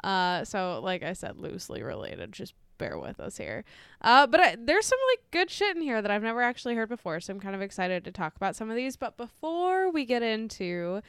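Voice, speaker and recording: A woman's voice: medium pitch, sing-song, fairly quick, a bit bright, clean tone, no echo, clean studio sound. A woman co-hosting a casual podcast, chatty, laughing often and swearing freely. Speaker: podcast co-host.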